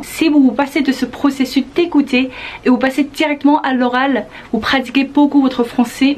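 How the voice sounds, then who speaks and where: A woman teaching in a calm, encouraging manner, explaining step by step with some hesitant fillers. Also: a little high. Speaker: French teacher. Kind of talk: casual video lesson.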